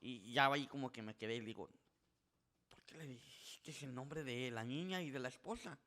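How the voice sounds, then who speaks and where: A man's voice: mid-range voice, moderate pace. A man telling a story casually on a podcast, acting out the voices of the people in it and often restarting his sentences. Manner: animated, acts out quoted voices, frequent restarts. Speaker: podcast guest.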